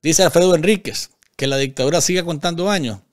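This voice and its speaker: In a small studio, a Nicaraguan host in his forties talks briskly in a fairly high voice over a desk microphone. His live political commentary is emphatic, with repeated phrases and rhetorical questions.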